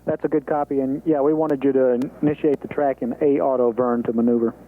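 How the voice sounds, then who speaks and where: Fairly quick and mid-range, with little pitch movement, an American man acting as mission control's capsule communicator gives businesslike, step-by-step radio instructions. The thin, band-limited transmission has phone-quality sound and slight background noise.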